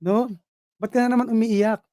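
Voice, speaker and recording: A man's voice: very high-pitched, flat delivery, normal speed, dark tone, no room sound, clean studio sound, voice pushed up. A man voicing an angry female river fairy in a spoken fable, scolding in a raised voice. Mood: annoyed.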